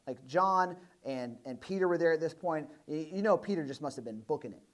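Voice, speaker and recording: A young man preaches to his church in a loose, conversational way. His pitch sits a little high, and he jumps into quick acted-out voices as he tells the story. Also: expressive. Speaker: pastor. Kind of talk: sermon.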